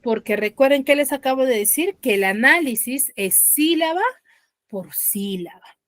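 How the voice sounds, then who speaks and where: Peruvian woman teacher, online class, higher voice, real dry close sound, asks ¿ya? a lot. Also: animated, fairly bright tone, no room sound. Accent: Peruvian Spanish. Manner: patient, checks understanding with tag questions, slows on key terms. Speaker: school teacher. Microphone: dry close mic, online class.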